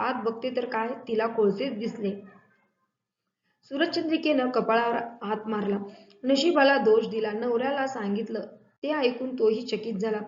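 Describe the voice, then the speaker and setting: A woman telling a devotional story in a measured, expressive way, acting out the dialogue. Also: on the high side. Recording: echoey, dull lo-fi room.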